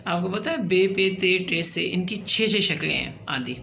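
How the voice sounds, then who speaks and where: A woman teaching letters and words at a slow, unhurried pace, counting each letter out loud. She pauses to check in as she goes. A faint hiss runs behind her voice. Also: fairly low pitch, expressive, creaky. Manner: counts letters aloud, checks in with "theek hai". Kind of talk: slow step-by-step writing lesson.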